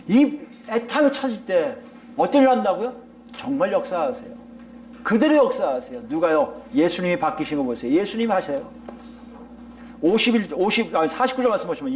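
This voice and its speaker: A male pastor preaching a sermon, asking the congregation rhetorical questions and swinging between raised, emphatic lines and quiet, low asides. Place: church sanctuary.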